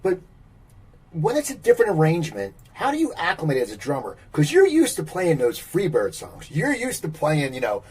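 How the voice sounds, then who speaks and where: A man hosting an interview, asking long halting questions and repeating words as he starts. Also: on the high side, wildly swooping pitch, a little mellow, breathy edge, distant mic. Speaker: interview host.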